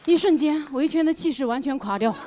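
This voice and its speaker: A young adult woman telling a stand-up comedy story in an animated way, often laughing through her lines. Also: high-pitched, a little fast, a crowd in the background. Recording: noisy live stage recording.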